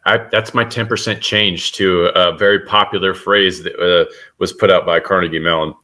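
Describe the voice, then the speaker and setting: Man, middle-aged, deep voice, forceful tone, earnest interview guest. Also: steady tone. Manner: earnest, halting with restarts. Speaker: guest author. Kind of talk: casual podcast interview.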